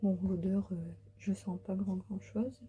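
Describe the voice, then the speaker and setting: Breathy whispering woman vlogger. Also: mid-range voice, steady tone, measured pace, highs cut off. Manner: whispering softly. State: tired. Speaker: beauty vlogger. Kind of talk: casual unboxing vlog. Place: bedroom, sitting on the floor.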